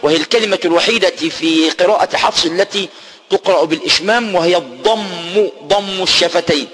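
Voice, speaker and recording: A man with an Egyptian accent teaching a lesson on Quran recitation, explaining patiently and slowing down to chant the verses. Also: high voice, a bit bright.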